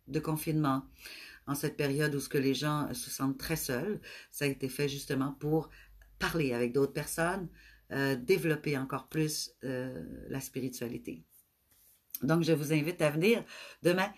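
Québécois woman, middle-aged, low voice, tender spiritual host, halting delivery. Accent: Québécois French. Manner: gentle, affectionate, with frequent hesitations. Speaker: spiritual speaker hosting a live stream. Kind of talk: live stream talk to viewers.

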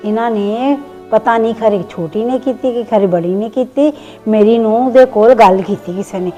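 A chatty, confiding neighbor woman, played by a woman with a somewhat high voice. She passes on gossip in a family skit. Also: darkish tone, close to an everyday voice. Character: gossiping neighbor woman who visits and stirs up trouble.

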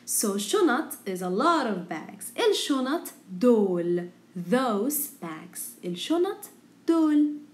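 A woman's voice: on the high side, big pitch swings, unhurried. A woman with an Egyptian Arabic accent teaching a language lesson, repeating words and their translations in an instructional way.

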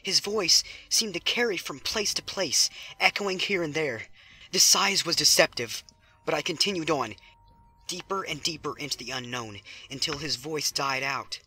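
A man with a slightly high, animated voice, sharp in tone and breathy at the edges, reads a horror script with theatrical suspense at normal speed. Music runs beneath the narration.

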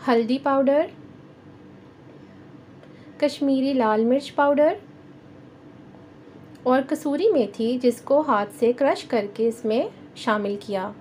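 A woman with a Pakistani Urdu accent hosting a cooking channel, giving calm step-by-step recipe instructions in a voice-over. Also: sits high, slow pace, pauses often, a little hiss or hum. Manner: calm, instructive, addresses viewers directly.

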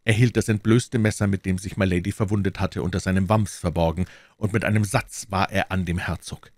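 A man narrating a classic novel as an audiobook in a measured storytelling manner. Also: low voice, fairly even intonation, no room sound, clean studio sound.

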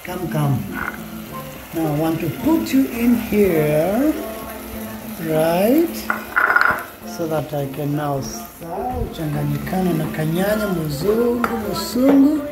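A Kenyan man with a fairly high, expressive voice chats slowly and casually while cooking in his small home kitchen for a vlog. He blends Swahili with English and half-sings repeated words in a sing-song way. The kitchen echoes, and music plays behind him.

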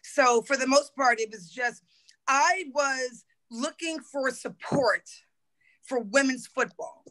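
A middle-aged woman, a former football coach, telling stories in a podcast interview, lively and swearing freely as she acts out quotes. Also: high-pitched, slow, rough recording. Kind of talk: animated storytelling in a podcast interview.

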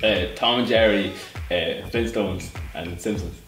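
A man's voice: lowish voice, measured pace, gravelly, fairly bright tone, far from the mic, faint music behind. A young man answering quiz questions with many hesitations and fillers. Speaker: contestant. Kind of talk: casual challenge game. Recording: echoey room.

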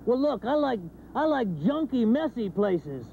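A man voicing Oscar, a grumpy male grouch creature who loves trash, with a gravelly high drawl on a dull lo-fi TV recording. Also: big pitch swings, measured pace, heavily acted. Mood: grumbling. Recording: dull lo-fi TV recording, faint hiss.

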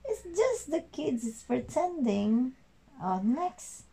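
A woman's voice: high voice, sing-song, slow pace, creaky, warm tone, breathy edge. A mother in a casual family vlog, laughing often and patiently coaching her child's reading. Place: outdoors on a windy, rainy walk to school.

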